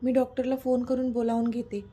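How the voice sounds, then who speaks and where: A middle-aged mother, anxious over her daughter yet holding firm, speaks in a spoken storybook, acted out by a woman. Her voice is husky, mellow and fairly high. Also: little pitch movement, fairly quick. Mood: concerned.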